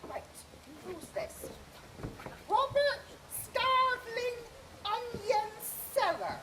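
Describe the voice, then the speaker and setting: A woman's voice: very high voice, sing-song, takes it slowly, noisy background, exaggerated voice. A woman reading a flustered, eager director of amateur players in a comic play reading. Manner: flustered, eager, often laughing.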